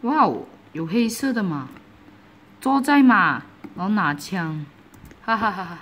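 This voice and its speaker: Woman, gaming commentary, slow-paced, animated, giggly and excitable. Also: mid-range voice. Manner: giggly, excitable, mixes in English exclamations. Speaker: gaming YouTuber. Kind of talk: casual game commentary.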